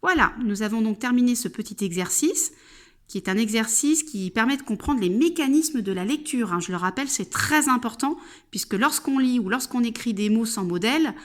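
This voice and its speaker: A woman's voice: on the high side, expressive, brisk. A woman teaching children to spell, patiently sounding out each syllable and reassuring them.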